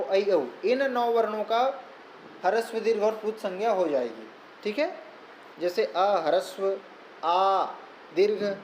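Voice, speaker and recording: A man's voice: sits high, darkish tone. A man teaching Sanskrit grammar in a recorded lesson, explaining patiently step by step and repeating key points. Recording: echoey room with faint background noise.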